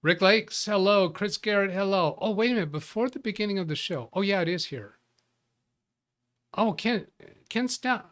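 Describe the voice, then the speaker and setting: A man's voice: sits high, moderate pace, fairly bright tone. A man hosting a live tech show in a casual, chatty way, greeting viewers by name and often restarting his sentences. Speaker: livestream tech show host. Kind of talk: casual live-stream chat.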